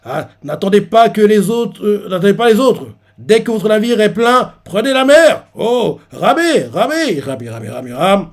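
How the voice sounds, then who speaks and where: A ship officer yells hurried orders at his rowers, as a man puts him on. The voice is raised and insistent, and he repeats the same command again and again. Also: sits high, sing-song, pitched above the performer's own voice. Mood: urgent. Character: shouting male ship officer urging rowers.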